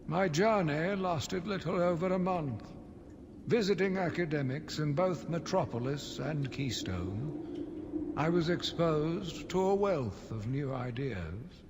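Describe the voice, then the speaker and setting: For a video game audio log, an actor voices a grief-stricken, zealous asylum doctor who is embittered and slowly turning vengeful, in a solemn, measured, brooding and theatrical monologue that sounds grieving and haunted. His male voice is a little high and animated. The recording has a long reverberant echo and loud background noise.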